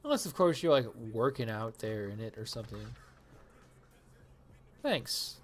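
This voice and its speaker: A woman's voice: rumbling low, big pitch swings, a little slow, a little hiss or hum. A woman live streamer chatting casually while gaming, rambling and self-deprecating and laughing often.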